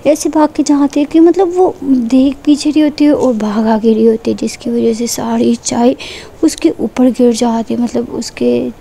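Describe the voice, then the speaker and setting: A woman narrating a story casually, her voice high but mellow and soft. She rambles in a chatty way, with a faint hiss of noise behind her. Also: fairly even intonation, moderate pace, gravelly.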